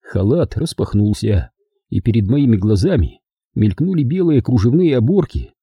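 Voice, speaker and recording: Guy reading an audiobook in first person, lively up and down, husky voice. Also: mid-range voice, normal speed, no echo, dull audio. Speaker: audiobook narrator.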